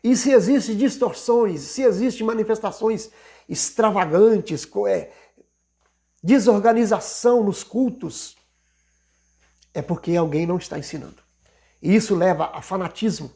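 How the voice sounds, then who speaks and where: A man's voice: sits high, expressive, unhurried. A middle-aged man teaching a Bible lesson in a conversational way, with frequent restarts and hesitations. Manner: conversational, many restarts, mimics shouting worshippers. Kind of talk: Sunday school lesson.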